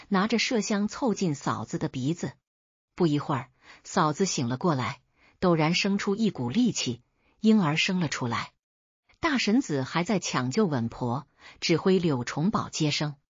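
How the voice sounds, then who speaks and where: A woman narrating folk tales as a storyteller, in a steady, even reading. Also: on the low side, moderate pace, slightly rough, no echo. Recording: dull dry recording.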